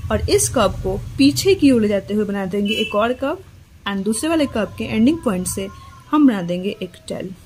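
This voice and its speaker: Female play school teacher, slightly high and husky, slow patient instruction for small kids. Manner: slow, step-by-step explaining with Hindi-English code-mixing. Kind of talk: handwriting lesson for young children.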